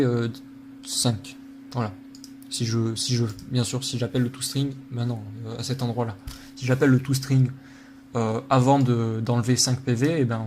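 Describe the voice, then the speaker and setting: In a laid-back coding tutorial, a man works at his computer and muses aloud, peppering his speech with fillers and self-deprecating jokes about his slips. He has a warm, medium-pitched voice, and there is slight background noise.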